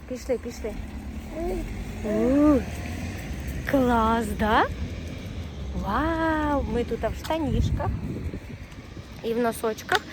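A woman's voice: on the high side, background noise. A young woman vlogging casually as a mother, chatting to the camera and cooing to her baby. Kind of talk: casual daily vlog.

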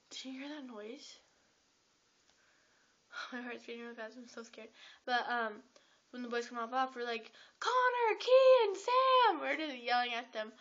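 A teenage girl vlogging, rambling and breathless with lots of restarts, her voice hoarse and cutting in and out. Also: a little high, pushed and bright. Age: teens. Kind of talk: excited storytelling vlog. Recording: dull lo-fi camera audio.

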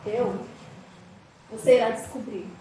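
A poised, persuasive young artist played by a woman speaks theatrical lines in a high voice with a Brazilian accent. The stage is roomy and echoing, with faint noise. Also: fairly even intonation, unhurried, warm tone, distant mic, natural voice. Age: young adult.

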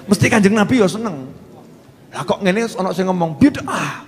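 A man with a Javanese accent preaching a lively sermon, joking and teasing his audience. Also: sits high, moderate pace. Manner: jokey, teasing the audience, mixing in Javanese phrases. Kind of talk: lively sermon with sung salawat. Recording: long hall reverb, faint ambience.

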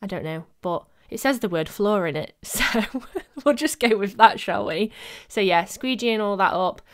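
Young woman, casual voice-over, chatty, self-mocking, smooth clear tone, mid-pitched. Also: animated, moderate pace. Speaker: vlogger. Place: home studio, voice-over recorded separately.

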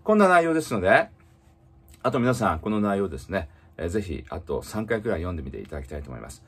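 A man teaching English in casual spoken style, reading slowly and explaining with many fillers. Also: low voice, big pitch swings, fairly bright tone, breathy edge.

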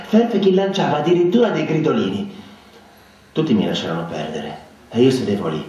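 An actor on stage playing a bitter, humiliated man who swings between low muttering and shrill outbursts. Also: a little mellow, natural voice. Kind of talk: theatrical monologue. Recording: echoey hall, distant mic.

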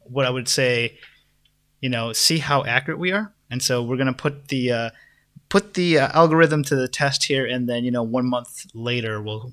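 Young male host, bright tone, loose rambling delivery full of fillers, casual market talk. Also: medium pitch. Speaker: stock market video host. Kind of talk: casual stock analysis talk.

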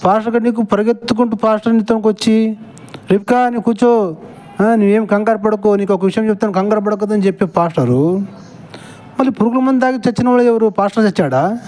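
A man's voice: high voice, brisk, darkish tone. Sarcastic man heckling a clip. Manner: sarcastic, impatient questioning. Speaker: commentator reacting to a clip. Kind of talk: mocking casual commentary.

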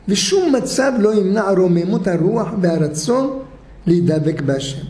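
Rabbi preaching in a synagogue, pretty high voice, punchy rhetorical questions. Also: male voice, dark tone, roomy sound. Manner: storytelling, emphatic, rhetorical questions. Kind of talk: sermon.

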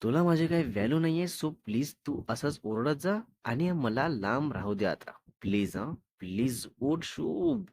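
A man's voice: medium pitch, lively intonation, normal speed, few pauses, darkish tone, slightly rough, dry recording. A man reading the lines of a sulky, teasing young woman in a storybook tale, in a pleading, complaining way.

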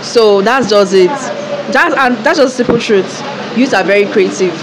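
A woman's voice: on the high side, normal speed. A young woman with a Nigerian accent answering a street interview in a phone shop, often saying "you know". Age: young adult. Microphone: phone held close by interviewer. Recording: background noise.

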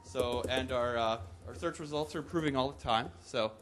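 A young man presents a casual, jokey tech talk into a podium mic in a conference hall while the crowd whoops and laughs. His voice sits in the middle range, fairly bright, at a moderate pace, with a little background noise.

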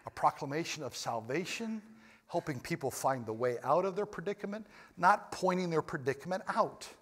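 A man preaching a sermon in a church, moving between quiet, close talk and loud, emphatic bursts, with frequent restarts and repeated words. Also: fairly high pitch, animated, moderate pace. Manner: swings from loud emphatic shouts to quiet near-whispers. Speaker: pastor. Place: church sanctuary.

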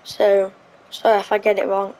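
A woman's voice: mid-range voice, completely flat delivery, moderate pace, mellow, rough recording. A woman giving casual, hesitant commentary on her own gameplay, thinking aloud with lots of ums. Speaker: gaming channel host.

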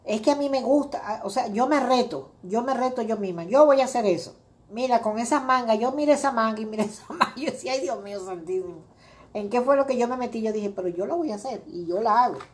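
A woman's voice: fairly high pitch, lively intonation, fast talker. A middle-aged woman hosting a crafting video, chatting casually and rambling with many fillers as she greets viewers by name. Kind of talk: casual crafting livestream chat.

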